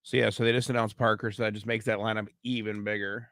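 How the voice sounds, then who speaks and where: A man's voice: lowish voice, level tone, fast, fairly bright tone, dry recording, studio quality. A man co-hosting a radio show, chatting casually. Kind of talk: casual chat.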